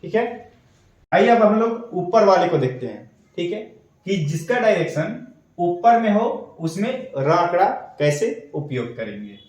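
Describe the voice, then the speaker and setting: A man's voice: sits high, big pitch swings, a little slow, darkish tone, heavy reverb, distant mic, poor audio. A man teaching an online shorthand class, explaining step by step and checking in often. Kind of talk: online lesson.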